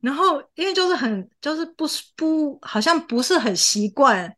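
A woman's voice: high voice, big pitch swings, moderate pace, fairly bright tone. A young woman hosting a casual chat podcast, laughing often as she tells a story and acts out the people she quotes. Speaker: podcast host. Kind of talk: casual chat between friends.

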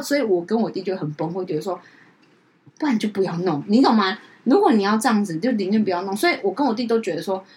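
A young woman with a Taiwanese Mandarin accent, co-hosting a casual podcast chat and acting out family conversations. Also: mid-range voice. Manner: animated storyteller, acts out her mother's lines. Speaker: podcast co-host.

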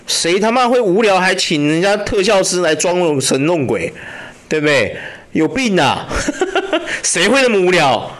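Speaking at a measured pace in a high voice, a man hosts a podcast where he tells ghost stories in casual, profane conversation. He is animated and keeps asking "you know?" to see if the listener is following.

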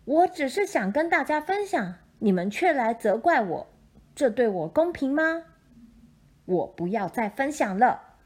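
A woman's voice: high voice, very animated, a little slow, a little mellow, husky, exaggerated voice. A woman doing an indignant mother hippo.

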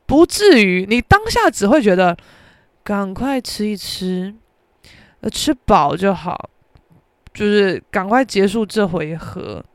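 A young woman with a Taiwanese Mandarin accent, hosting a podcast and telling a story in an animated, exasperated way. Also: mid-range voice, slow pace, no room sound. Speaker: podcast host. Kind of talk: casual storytelling.

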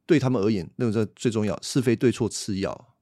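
A man's voice: on the low side, fairly quick, warm tone, dry recording, clean studio sound. A man teaching the Bible on a podcast, explaining things conversationally and asking rhetorical questions.

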